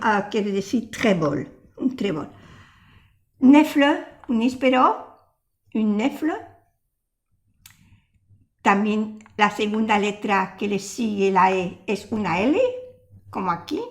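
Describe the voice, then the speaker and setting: An older woman teaching a language lesson, patiently explaining and repeating each example word slowly. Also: a little high.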